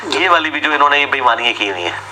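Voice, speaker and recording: A religious lecturer with a medium-pitched, animated voice delivers an argumentative talk over background noise. He poses sarcastic rhetorical questions and mimics his opponents.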